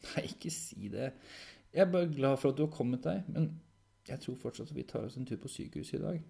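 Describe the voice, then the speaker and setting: A man voicing a caring, worried woman in an audiobook story, gentle and soothing. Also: medium pitch, creaky, husky, pitched above the performer's own voice. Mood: concerned. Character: caring, worried woman looking after him.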